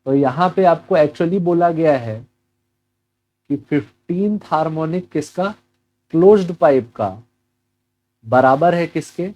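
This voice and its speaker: Man teaching physics, mellow voice. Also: fairly high pitch, rough recording. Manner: asks and answers his own questions; mixes Hindi with English terms. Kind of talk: exam problem walkthrough.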